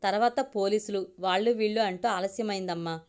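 A woman reading the part of a caring young male doctor and husband in a gentle, reassuring way. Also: medium pitch, a little fast, natural voice.

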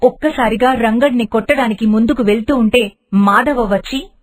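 A woman narrates an animated moral storybook in a steady, expressive manner. Her voice is husky and breathy, pitched a little high. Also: normal speed.

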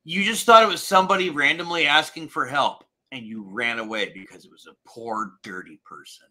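A man co-hosting a casual film review chat, animated and profane, laughing often. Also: mid-range voice, brisk. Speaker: podcast co-host.

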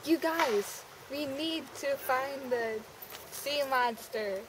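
A woman's voice: high voice, slow pace. A woman acting in an amateur comedy skit outdoors by a lake, with an overacted, giggly delivery. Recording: noisy outdoor home video.

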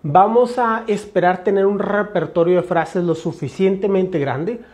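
Un hombre con acento mexicano que enseña inglés y explica fonética con ejemplos repetidos, dirigiéndose a su clase como «señores». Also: male voice, high-pitched, unhurried, darkish tone. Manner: explanatory, repeats examples, addresses class as señores. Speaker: English teacher. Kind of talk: phonetics lesson.

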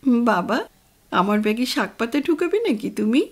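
A woman's voice: fairly high pitch, expressive, moderate pace. A woman voicing a playful young daughter. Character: young adult daughter, playful, gently chiding.

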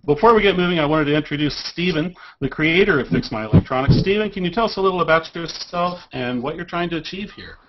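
A man's voice: fairly high pitch, animated, quick pace, hardly any pauses. A man hosting a hobby electronics show, upbeat and jokey, introducing his presenters. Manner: upbeat, jokey host apologizing for puns. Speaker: host. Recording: dull lo-fi sound with faint noise.

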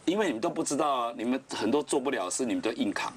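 A man's voice: medium pitch, animated, rapid-fire, a loud crowd. Blunt, joking Taiwanese Mandarin man. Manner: blunt, joking, lecturing with rhetorical questions. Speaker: panel guest. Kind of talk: lively talk show banter.

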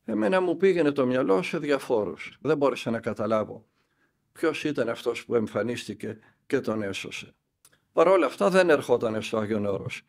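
An older man, an elder monk, tells a spiritual story and acts out the dialogue with lively emphasis. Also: mid-range voice, gravelly.

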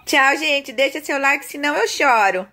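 A woman's voice: high-pitched, animated, normal speed, pushed and bright, pitched above the performer's own voice. A woman voicing her baby girl in cutesy sing-song baby talk. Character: baby girl begging viewers for likes.

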